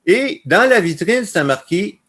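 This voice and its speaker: A man's voice: sits high, measured pace, slightly rough. A man with a Québécois accent presenting slides on a webinar, telling stories and laughing often. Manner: laughs often, animated storytelling. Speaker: conference speaker.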